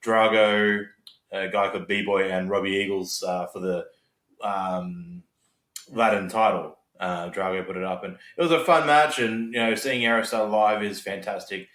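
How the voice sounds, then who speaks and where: A man with a fairly low voice gives casual podcast opinions, reflective and a little hesitant. The sound is noticeably roomy and echoey. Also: steady tone, moderate pace, fairly bright tone. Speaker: wrestling podcast co-host. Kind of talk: casual chat.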